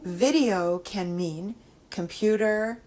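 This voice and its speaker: A middle-aged woman speaks in a casual interview. Her voice sits in an ordinary middle pitch. She tells a family story in a lively way and often pauses on "um" as she goes. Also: rough recording. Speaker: interviewee, mother of an adult son.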